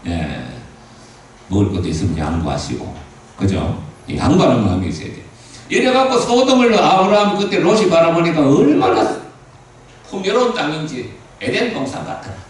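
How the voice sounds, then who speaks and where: An older pastor preaches a sermon in a church sanctuary, telling the story in a folksy way and acting out dialogue between characters. His voice is a little high and animated at normal speed, recorded from a distance in a roomy, echoey hall with a little hiss or hum.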